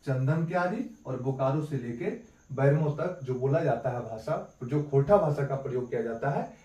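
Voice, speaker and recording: A man with a mellow, mid-range voice teaches an exam-prep lesson at a normal speed. He repeats key points as questions and then answers them himself. The room is echoey and the mic sits at a distance.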